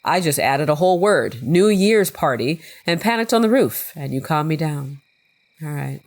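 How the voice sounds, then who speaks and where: A woman's voice: sits low, expressive, moderate pace. Chatty, slightly congested woman gaming. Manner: chatty, self-mocking, often laughing. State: slightly congested from a recent cold. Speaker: gameplay video host. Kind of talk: casual let's-play commentary, reading game text aloud.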